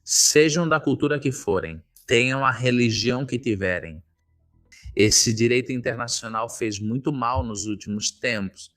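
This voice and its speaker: A man with a Spanish accent speaking as a political commentator, emphatic and rhetorical, slowly listing his points. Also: mid-range voice, fairly bright tone, no room sound, studio quality, faint music behind.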